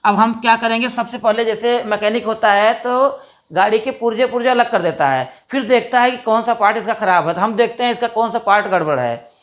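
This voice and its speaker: A woman teaching a grammar lesson, patiently asking questions and answering them herself, drawing out key sounds slowly. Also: on the high side. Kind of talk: explanatory classroom lesson.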